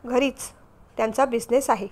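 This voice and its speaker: A woman's voice: on the high side, fairly even intonation, normal speed, natural voice. A woman reading a storybook, voicing an unhappy young married woman who speaks in a subdued, restrained way. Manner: subdued, then sharp and defensive.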